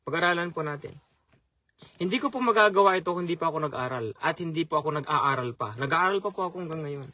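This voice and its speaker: A man delivers a sermon as a chaplain in a high, bright voice. He preaches earnestly and repeats key phrases for emphasis, often calling his listeners brothers and sisters. The sound is close and dry, with no room echo. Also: lively intonation, quick pace.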